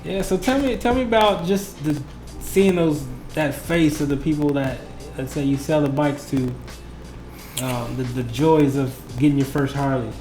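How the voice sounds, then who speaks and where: A man's voice: on the high side, normal speed, a little mellow. A man hosting a casual interview, speaking in a slangy, conversational, buddy-like way. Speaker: interviewer and host. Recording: roomy echo with music behind.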